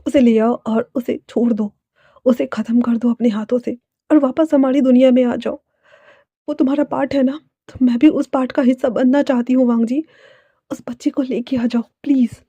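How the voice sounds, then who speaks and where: A woman voicing a desperate young woman who cries and begs her lover to stay, her pitch pushed high and tearful. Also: fairly even intonation, moderate pace, mellow, slightly rough, dry recording. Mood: pleading. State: crying.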